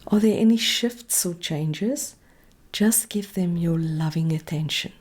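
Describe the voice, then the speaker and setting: She's a meditation coach whose low-leaning voice moves at a measured pace. Soft and breathy, often approaching a whisper, she guides with calm, gentle direction.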